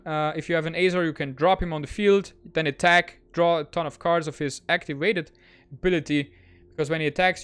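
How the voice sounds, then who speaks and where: A man hosting a gaming channel, giving excitable, quick, self-mocking commentary on a digital card game match. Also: fairly high pitch, smooth. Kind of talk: gameplay commentary.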